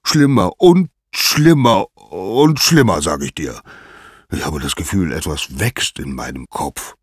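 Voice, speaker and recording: A man's voice: extremely low pitch, unhurried, a bit bright, husky, no room sound, clean studio sound, heavily acted. A man voicing Zeus as a mighty, grumpy old god-king suffering a headache, groaning and suspicious. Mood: irritable, aching.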